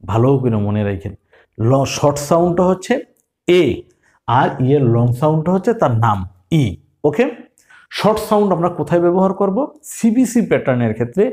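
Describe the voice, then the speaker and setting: A man's voice: mid-range voice, darkish tone. A man teaching English phonics in a classroom style. He asks questions, answers them himself and spells words out sound by sound.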